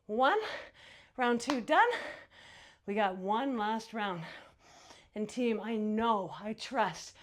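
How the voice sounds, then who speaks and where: A woman out of breath from exercise, coaching a workout as an instructor with upbeat, urging encouragement and countdowns. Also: fairly high pitch. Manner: upbeat, encouraging, urging cheerleader-like pep talk. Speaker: fitness instructor.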